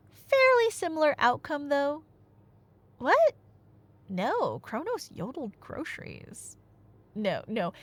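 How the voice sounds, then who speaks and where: In a dry, close-miked recording, a woman with a fairly high, fairly bright voice roleplays a nerdy girlfriend excitedly telling Greek myths. The animated ASMR storytelling is casual and addressed to a listener, conversational and teasing with dramatic emphasis.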